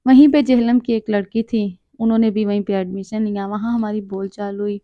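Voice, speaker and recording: A woman's voice: mid-range voice, fairly even intonation, no room sound. A young woman from Pakistani Punjab telling a personal story in an earnest, reflective and advising way. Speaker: storyteller and author. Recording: dull, dry lo-fi recording.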